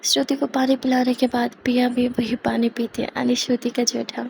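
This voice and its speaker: A woman's voice: a little high, little pitch movement, fairly quick, vocal fry, a little mellow, a little hiss or hum. A woman hosting her channel, casually narrating a love story and chatting to her viewers. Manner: chatty, addresses viewers directly.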